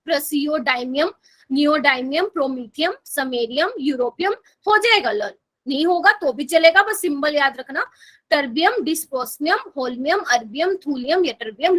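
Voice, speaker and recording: A woman teaches a chemistry class online in Hindi, working through things step by step and often checking whether students follow by asking "okay?". Her voice is high-pitched and fairly bright.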